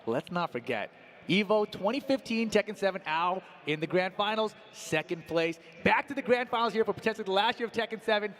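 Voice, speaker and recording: A man's voice: sits high, animated, brisk, fairly bright tone. A man commentating on a fighting game tournament, analysing play in a conversational back-and-forth. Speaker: esports commentator. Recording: music playing behind the voice.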